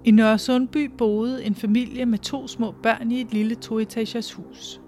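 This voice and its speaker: An interviewer who asks questions in a calm, measured way and also reads a short passage of narration. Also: medium pitch, soft background music. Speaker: interviewer and reader. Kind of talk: conversational questions and read narration.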